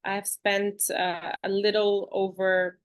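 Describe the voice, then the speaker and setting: A woman from Bulgaria, a guest in an interview, talking in an animated, chatty way with fillers and restarts over a video call. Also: medium pitch, slow pace. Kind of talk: conversational interview.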